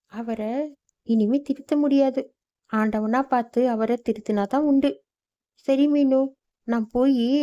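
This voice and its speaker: A woman's voice: on the high side, warm tone, highs cut off, close to an everyday voice. A woman voicing a poor, weary mother who works as a housemaid, speaking earnestly and reassuringly.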